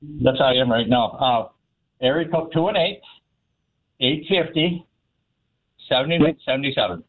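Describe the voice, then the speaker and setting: A man calling into a radio show to sell items, talking haltingly over a phone line that keeps cutting in and out. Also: mid-range voice. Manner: halting, repeats himself. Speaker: caller selling items. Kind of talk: casual call-in chat. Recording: tinny breaking-up phone line.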